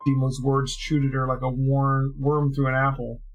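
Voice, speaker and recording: A streamer reads a story aloud in a steady, measured voice. His pitch sits in the middle range, and faint music plays underneath. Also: rough recording. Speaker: streamer reading game story.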